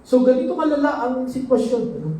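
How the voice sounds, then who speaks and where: Man, preacher, sermon, high pitch, mellow tone, echoey hall, far from the mic. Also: a little fast. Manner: mixes Tagalog and English, asks "no?" often. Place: church hall.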